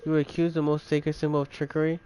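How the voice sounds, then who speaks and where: A pompous lord of a gambling town in a fantasy game, read aloud by a man. He is haughty and easily indignant, with halting phrasing. Faint noise sits on the recording. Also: on the high side, flat delivery, mellow, close to an everyday voice. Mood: indignant, defensive. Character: pompous, scheming male master of a gambling town.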